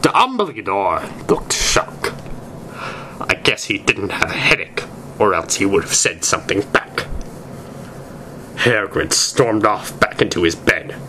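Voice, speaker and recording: A man reads fan fiction aloud in a theatrical amateur style, now and then stumbling over words, on a noisy amateur recording. His low voice is sing-song and slow, with long pauses in his dramatic delivery.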